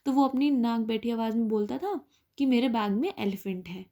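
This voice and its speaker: Patient woman teacher, mellow voice. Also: a little high. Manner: reads English text slowly, then explains it patiently. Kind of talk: explaining an English lesson in Hindi.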